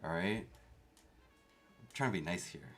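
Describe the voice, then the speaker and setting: Soft music plays behind this young man as he speaks slowly in a low, expressive, slightly bright voice. Raised in Canada with Korean at home, he chats casually with live-stream viewers, reading the chat aloud and turning playfully defensive.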